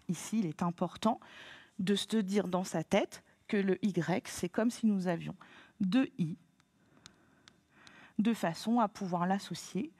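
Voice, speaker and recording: A woman teaching a phonics lesson to children, patient and encouraging, spelling out sounds slowly. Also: medium pitch, darkish tone, breathy edge, dry recording.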